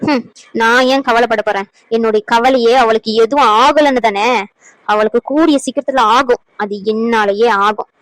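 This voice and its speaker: A cunning cartoon plotter, voiced by a woman, smug in her asides and sweetly worried in company. Her voice sits high and bright, recorded dry and close with no room around it. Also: normal speed, no echo, natural voice, rough recording. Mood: gloating, sly. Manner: sly gloating asides, fake worry when others listen. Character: scheming woman who secretly plots against a pregnant girl. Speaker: cartoon character.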